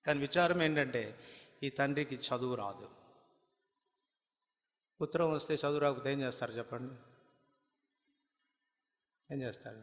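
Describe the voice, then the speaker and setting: A man's voice: medium pitch, a bit bright. A man preaching a sermon, telling a story and firing rhetorical questions at the congregation, building to impassioned appeals. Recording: long reverb of a large hall.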